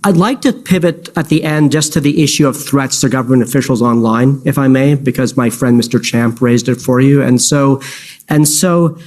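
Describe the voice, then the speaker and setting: A man with a mid-pitched voice conducts a cross-examination at a formal hearing. His questions are courteous but leading, built up in stops and restarts as he seeks agreement. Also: moderate pace, a little mellow. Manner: polite, leading questions with restarts and repeated words. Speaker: lawyer cross-examining witnesses. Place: formal public inquiry hearing.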